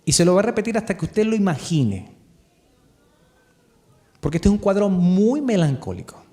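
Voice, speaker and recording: A man's voice: sits high, sing-song, moderate pace, mellow. A man with a Chilean accent preaching a live sermon in church, telling the story with animation and asking the congregation questions. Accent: Chilean Spanish. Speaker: pastor.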